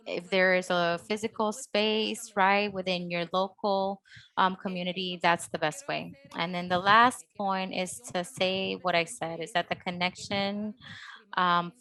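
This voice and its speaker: A woman's voice: mid-range voice, fairly bright tone, poor audio. A woman hosting a healing workshop, speaking hesitantly with many fillers and restarts. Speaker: host. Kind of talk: workshop talk.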